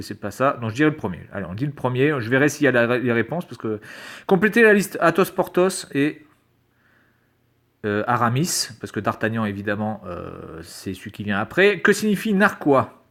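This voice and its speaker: A man's voice: medium pitch, fairly bright tone. A man reading quiz questions aloud and reacting to them with sarcastic, exasperated commentary. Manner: sarcastic, exasperated, swears and mutters. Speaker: video creator.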